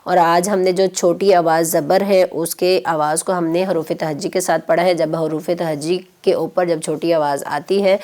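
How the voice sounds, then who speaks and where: A woman's voice: low voice, a little mellow. A woman, patiently teaching children on a TV lesson and repeating key points. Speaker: Quran teacher.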